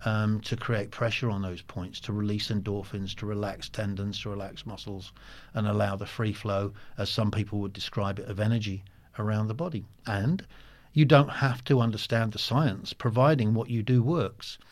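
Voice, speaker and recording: A man in his sixties telling stories in a casual interview, halting with many ums and restarts. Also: fairly low pitch, fairly even intonation. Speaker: guest, former soldier.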